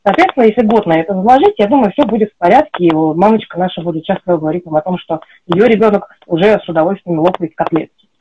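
A woman's voice: on the low side, lively intonation, quick pace, dull audio. A woman nutrition specialist on a livestream, talking with many fillers through a headset mic that adds a crackling fuzz distortion. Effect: crackling fuzz distortion on her mic. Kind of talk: casual livestream chat. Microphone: headset with headphones.

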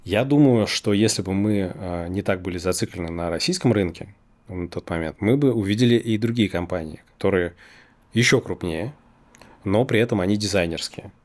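A man who has trouble pronouncing the letter r, talking casually and hesitantly as an interview guest, thinking aloud with drawn-out pauses. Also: deep voice. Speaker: interview guest, design company executive.

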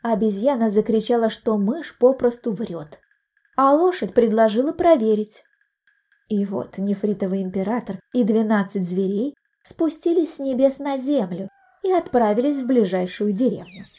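A woman narrating a bedtime fairy tale, gentle and expressive, talking to the listener. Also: on the high side, normal speed. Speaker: storyteller, podcast host. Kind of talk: scripted bedtime story narration.

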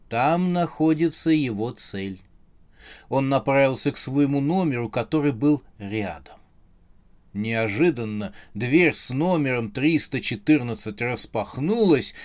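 A man reading a comic horror audiobook in a measured, expressive narration. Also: medium pitch.

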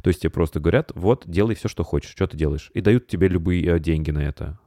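Low-voiced man hosting a casual podcast. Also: fast talker, warm tone, dry recording, clean studio sound. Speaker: podcast host.

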